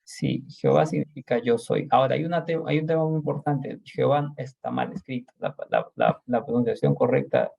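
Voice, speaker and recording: Teacher type: man leading a Bible class over a video call, gravelly and a little husky, with a lively voice that checks in with his students constantly. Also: mid-range voice, fairly quick, hardly any pauses, dull audio. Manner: explanatory, often checks in with "¿no?" and "¿ok?".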